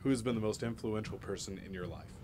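A man off camera reading interview questions in a brisk, plain way. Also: on the low side, a little mellow, slight background noise.

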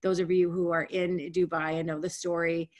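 Energetic woman on a video call. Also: on the low side. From United States. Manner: energetic and conversational, speaking in quick bursts with restarts. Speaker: guest speaker. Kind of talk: webinar presentation. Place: home room, indoors.

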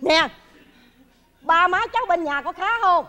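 A sassy, flirty widow. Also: female voice, very high voice, animated, unhurried, sharp tone, heavily acted. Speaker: widowed mother in comic sketch. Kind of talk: overseas Vietnamese comedy sketch.

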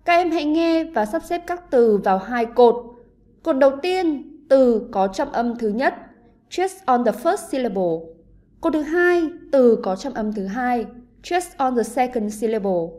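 A woman with a Vietnamese accent, teaching an online English lesson to pupils and explaining slowly and carefully. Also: on the high side, lively intonation, warm tone.

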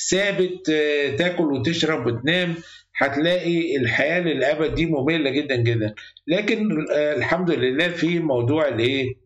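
A middle-aged man with an Egyptian Arabic accent, a channel host who reads a book aloud and breaks off to explain it in loose, chatty asides. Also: on the high side. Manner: reads translated passages, then explains them in loose colloquial asides. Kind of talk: reading a book aloud with commentary. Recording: roomy, dull lo-fi sound.

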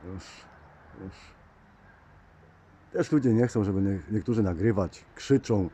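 A man's voice: on the low side, measured pace, mellow, husky. A man keeping pigeons, chatting casually to his viewers outdoors while filming on a phone. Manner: chatty, addresses viewers as dear ones. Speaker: pigeon keeper vlogger. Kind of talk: casual running commentary to viewers. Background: birds and outdoor ambience.

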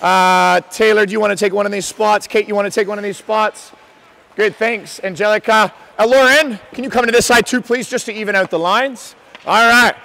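A man's voice: high-pitched, fairly even intonation, a little fast, creaky, fairly bright tone. A man coaching hockey on the ice, calling out drills with urgent, repeated, encouraging commands in a noisy indoor rink. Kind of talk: shouted drills and instructions on the ice.

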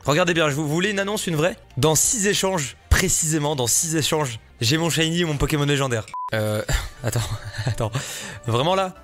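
Excitable slangy French gamer, slightly high voice. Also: male voice, moderate pace, soft background music. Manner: excitable and joking, slangy, laughs often, talks to viewers. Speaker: gaming YouTuber. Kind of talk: casual let's-play commentary.

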